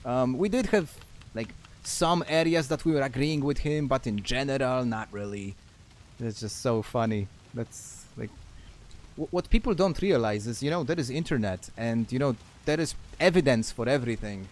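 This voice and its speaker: A man's voice: medium pitch, expressive, moderate pace, a little mellow, slight background noise. A man from Poland chatting casually with viewers while streaming a game, laughing often and trailing off mid-thought. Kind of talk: casual chat while gaming.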